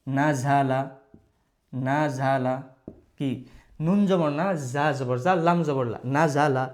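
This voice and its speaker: A man's voice: mid-range voice, steady tone, a little mellow. A man teaching an online reading lesson, patiently spelling out syllables and repeating them, with English words mixed in. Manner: patient, repeats syllables slowly for students to follow; mixes English words into his talk.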